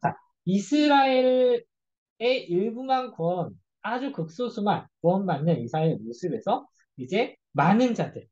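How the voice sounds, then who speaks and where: A church youth group leader teaching a casual Bible study lecture, telling stories in an animated way and acting out quoted speech. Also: medium pitch, a little slow, highs cut off.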